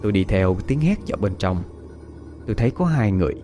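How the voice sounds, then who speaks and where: A man narrating a ghost story in a dramatic, expressive storytelling manner. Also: lowish voice, quick pace, over music. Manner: dramatic, expressive, panicked cries in character.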